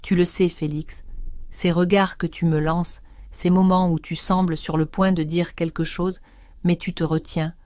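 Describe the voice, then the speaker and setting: A woman voicing a 65-year-old aunt who speaks calmly and steadily, with quiet resignation. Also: lowish voice, dry recording, lightly acted. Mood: calm intimate. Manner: calm, measured, intimate.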